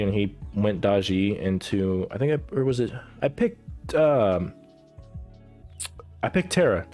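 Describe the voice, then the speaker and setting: This gaming content creator, a man with a fairly low voice, ranks characters in a loose, rambling commentary full of swearing, fillers, and false starts. He's getting sick with a cold and coughs from time to time. Quiet music sits faintly in the background.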